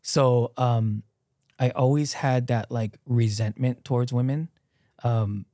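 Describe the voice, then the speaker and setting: A man's voice: medium pitch, takes it slowly, dry recording. A man in his thirties from Hawaii, a guest telling his story in loose, casual conversation full of "like" fillers, on a close podcast mic in a small studio. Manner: loose and animated, lots of "like" fillers, gestures while talking. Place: small dim studio set with a couch. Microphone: boom-mounted podcast mic close up.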